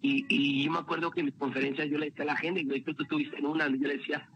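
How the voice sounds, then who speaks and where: A man's voice: fairly high pitch, level tone, very fast, dull audio, slight background noise. Earnest man telling his story. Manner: earnest, emotional, repeats words. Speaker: motivational speaker, guest. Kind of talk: livestream interview storytelling.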